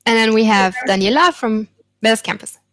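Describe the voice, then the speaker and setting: A woman's voice: fairly high pitch, moderate pace, fairly bright tone, no room sound. A woman hosting a university webinar over a video call, friendly and speaking with frequent fillers. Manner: friendly, filler-heavy delivery. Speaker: webinar host.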